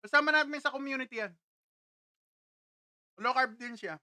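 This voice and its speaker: A woman's voice: sits high, moderate pace, bright, forceful tone, no echo. A woman hosting a casual live stream from a studio, greeting viewers one after another and tasting food on camera.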